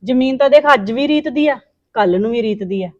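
A woman playing a bossy, fast-talking landowner. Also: fairly high pitch, animated, darkish tone, no echo, dull audio, lightly acted. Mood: lecturing. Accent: Punjabi. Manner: bossy, scolding, fast retorts. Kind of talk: Punjabi short-film acting.

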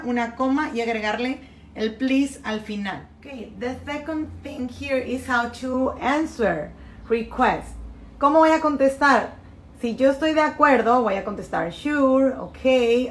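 A woman's voice: high-pitched, a little hiss or hum. A woman teaching an English grammar lesson, explaining step by step and switching between English and Spanish. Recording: echoey room.

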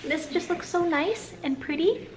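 A woman's voice: very high-pitched, measured pace. A woman in her thirties casually showing off her grocery haul on her home vlog, chatty and upbeat, in a living room recorded by a camera. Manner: chatty, upbeat, lingers on some words. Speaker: vlogger. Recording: roomy home audio with background hiss.

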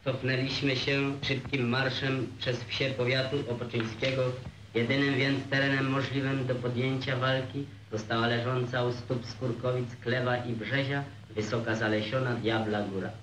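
A man reading a wartime account in a flat, measured way, heard on an old newsreel soundtrack. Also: medium pitch. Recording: echoey, distant, noisy old film sound.

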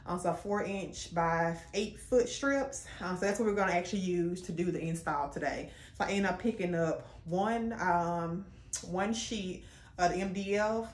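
A woman doing a casual DIY how-to vlog, chatting and explaining each step while her voice echoes around a bare bedroom. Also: medium pitch. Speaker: DIY vlogger. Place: bedroom with the bed moved away.

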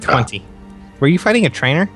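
A man's voice: a little high, very animated, brisk, fairly bright tone, faint music behind. A young man casually chatting and joking while playing a game with friends, often breaking into sing-song bits and swearing. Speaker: let's play host. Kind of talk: casual gaming chat.

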